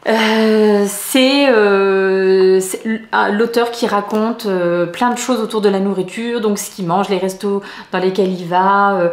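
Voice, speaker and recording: A middle-aged woman from France chatting in a casual knitting vlog, rambling with many hesitations and soft laughs. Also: mid-range voice, steady tone, a little slow, roomy sound. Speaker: knitting vlogger.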